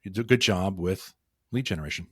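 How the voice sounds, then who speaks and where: A man's voice: low-pitched, normal speed, husky, dry recording, clean studio sound. A man co-hosting a business podcast who talks in a wry, sarcastic way and often restarts his sentences. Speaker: podcast co-host. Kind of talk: casual business chat.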